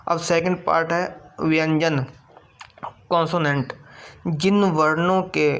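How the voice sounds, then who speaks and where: Slow, deliberate Hindi grammar teacher. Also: male voice, fairly high pitch, fairly even intonation, a bit bright. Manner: slow, deliberate, repeats and stretches sounds. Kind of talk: grammar lesson.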